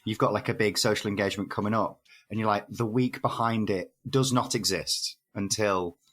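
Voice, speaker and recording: A man co-hosts a casual podcast chat in a low voice. He speaks haltingly, often repeating his words as he goes. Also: steady tone, fairly bright tone. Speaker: podcast co-host.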